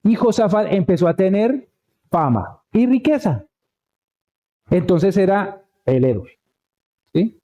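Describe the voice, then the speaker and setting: A male preacher delivers a relaxed, storytelling sermon in a church. His voice sits a little high yet sounds deeply dark and mellow. He keeps turning to the congregation to check that they follow. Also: slow, long pauses. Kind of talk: conversational sermon.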